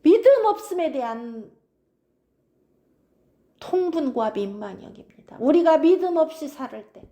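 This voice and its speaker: A woman's voice: sits high, lively intonation, unhurried, mellow. A woman preaching an expository sermon, keeps prompting her listeners.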